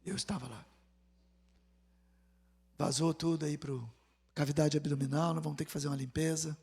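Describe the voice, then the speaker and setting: A middle-aged Brazilian man preaching a sermon, telling a story with animated swings from hushed to loud and acting out the voices he quotes. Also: a little high, moderate pace, gravelly, breathy edge, big-room sound.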